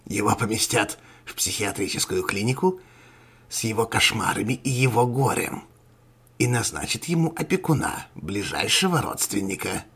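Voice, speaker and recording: A man puts on a crow-masked sorcerer villain for an audio story, his voice thick with gravel and grit. He speaks in a husky rasp, gloating and menacing, taking his time over every threat. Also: lowish voice, animated, moderate pace, fairly bright tone, full character voice. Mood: gloating menace. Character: sinister male sorcerer villain in a crow mask.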